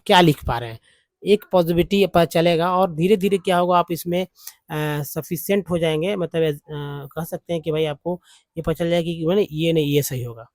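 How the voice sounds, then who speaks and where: Man, teacher, patient, repetitive, fairly high-pitched, dry close recording. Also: dry recording. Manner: repetitive, patient, uses many fillers. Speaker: English teacher. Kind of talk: spoken Hindi lesson on English vowel sounds.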